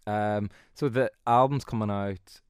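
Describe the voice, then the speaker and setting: A man's voice: on the low side, steady tone, a little slow, clear, resonant tone, no room sound, studio quality. A man with a Donegal Irish accent, chatting casually as a musician in an interview, in a modest, hesitant, easygoing way. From Donegal, Ireland.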